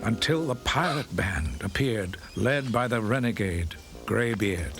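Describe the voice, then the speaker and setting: A man narrating a children's cartoon in gentle, sing-song rhymes. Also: lowish voice, animated, unhurried, over loud music. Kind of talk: rhyming storybook narration.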